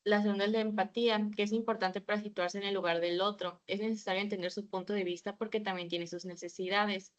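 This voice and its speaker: A woman's voice: medium pitch, steady tone, fast, hardly any pauses, dull audio. A woman giving a class presentation, reading from slides with a few hesitant fillers. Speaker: student presenter.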